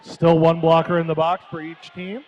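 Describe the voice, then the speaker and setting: A man's voice: fairly high pitch, level tone, moderate pace, a little mellow, dull audio. A man doing live roller derby play-by-play with easygoing, jokey banter alongside his co-host.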